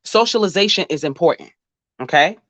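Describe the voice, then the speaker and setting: Brisk and expressive, a woman with a fairly low but fairly bright voice gives casual reaction commentary on a dry recording. She scolds bluntly and profanely, talking straight to the subject of her criticism.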